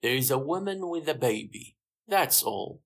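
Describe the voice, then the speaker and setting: A narrator voicing Dan, a steady police officer who gives instructions. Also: mid-range voice, moderate pace. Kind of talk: graded-reader story voice.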